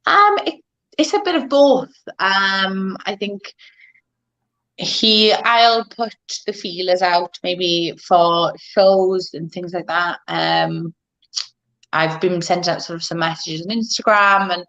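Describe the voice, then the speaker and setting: A woman's voice: lowish voice, takes it slowly, fairly bright tone, dull audio. A woman, answering casually as an interview guest, thinking aloud a little hesitantly. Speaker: guest, MMA fighter.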